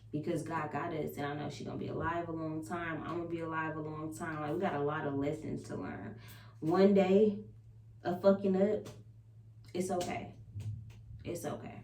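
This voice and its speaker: A woman vlogger talks casually and confessionally to her viewers, candid and emphatic, swearing freely and repeating self-affirmations. Her voice is fairly low and dark. The recording has a roomy echo, a distant mic and a faint hum.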